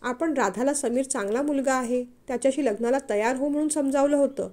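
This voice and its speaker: A woman storyteller reading an emotional story aloud in an expressive narration. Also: high-pitched, a little fast.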